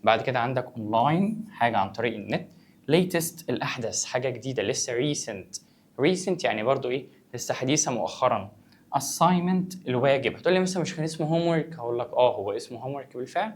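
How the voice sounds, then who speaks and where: A fast-talking man with a medium-pitched voice and lively intonation teaches students English vocabulary. He has an Egyptian Arabic accent and chats through the words by asking his own questions and answering them.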